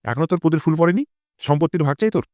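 A man's voice: fairly high pitch, lively intonation, racing, darkish tone, no echo, lightly acted. A man voicing a crude, hot-tempered cartoon father who curses and threatens his son. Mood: angry. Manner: cursing and threatening. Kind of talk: comic Bengali cartoon voice acting.

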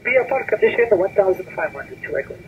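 Male helicopter pilot on cockpit headset radio, clipped and procedural, slightly raised pitch, thin static-flecked transmission. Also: animated, fairly quick, phone-quality sound. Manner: clipped aviation radio phrasing. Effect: pilot speaking over a cockpit headset radio.

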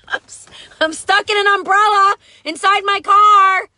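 Her voice is extremely high, pushed and bright, with no echo. She's a mother in her thirties doing a casual selfie vlog in a parked truck under an open umbrella, holding the phone at arm's length and laughing in flustered exasperation.

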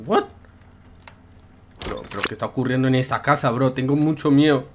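A man's voice: mid-range voice, a little fast, background noise. A young man commenting on a horror game, jokey and acting scared, using plenty of slang. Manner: jittery, jokey, feigning fright, slangy. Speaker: gaming YouTuber. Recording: game music behind.

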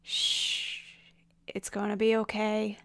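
A woman voicing a wounded young man who speaks in a soft, hushed voice to soothe someone. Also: mid-range voice, monotone, unhurried, clear, resonant tone, no echo, studio quality, close to an everyday voice. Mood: hushed soothing.

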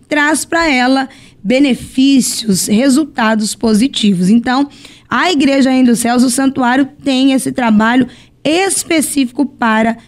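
A woman with a Brazilian accent, a church bishop on a podcast, explaining her teaching and retelling stories with quoted lines. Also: high-pitched. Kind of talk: teaching, religious podcast talk.

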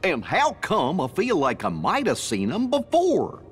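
An actor voicing a good-natured, simple, cheerful cartoon creature in a video game, with a folksy drawl. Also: male voice, on the high side, huge pitch swings, unhurried, soft background music. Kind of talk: animated video game acting.

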